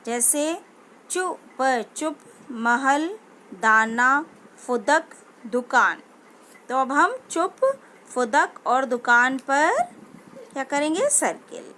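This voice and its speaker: A woman teaching a children's language lesson, saying each word slowly and twice. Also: high-pitched, animated, bright, forceful tone, slight background noise. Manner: slow, drawn-out pronunciation of each word, repeating it twice. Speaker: school teacher.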